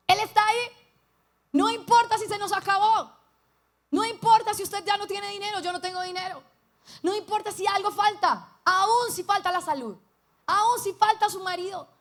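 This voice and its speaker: A high-voiced young woman pastor. She preaches a lively sermon, turning to the congregation with questions as she tells her story.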